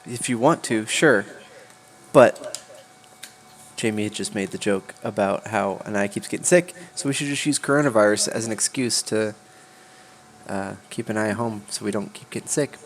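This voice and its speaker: A man's voice: fairly low pitch, moderate pace, a little hiss or hum. A man hosting a casual game stream, laid-back, reading game text aloud with dry asides. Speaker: channel host. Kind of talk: casual gaming chat.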